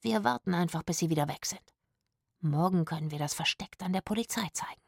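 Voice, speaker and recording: A woman voicing a young boy who whispers excitedly, as a storybook character. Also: on the low side, a little fast, gravelly, dry recording, studio quality. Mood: hushed.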